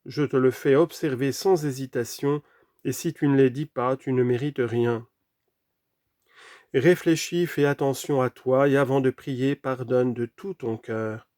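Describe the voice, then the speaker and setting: A man reading a sermon aloud in an earnest, deliberate way, dropping quieter for scripture references. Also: mid-range voice, steady tone, no room sound, studio quality. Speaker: reader of a sermon.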